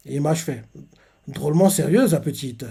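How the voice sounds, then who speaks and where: A man with a voice pitched a little high walks through a manga chapter live, panel by panel. He keeps stopping with "euh" between lines and reads the characters' lines in passing. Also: moderate pace, creaky, dark tone, breathy edge. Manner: hesitant, full of "euh", narrating panel by panel. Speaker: manga reaction youtuber.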